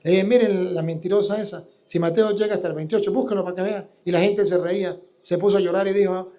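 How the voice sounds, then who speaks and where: Priest, man, high voice, preaching live, combative and full of rhetorical questions. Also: steady tone, quick pace, warm tone.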